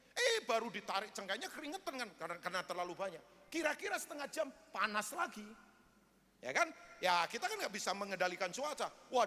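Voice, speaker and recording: A man's voice: extremely high pitch, pushed and bright. A male pastor preaching a sermon, telling stories in a chatty way and asking the congregation questions. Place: church. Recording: echoey church hall.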